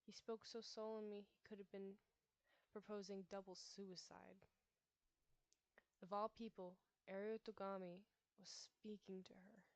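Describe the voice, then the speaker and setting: Her delivery flat and unhurried, a mid-range American woman reads from a visual novel, fumbling names and stopping to chat along the way. The recording is dry, and her laptop microphone yields dull lo-fi audio with game music in the background.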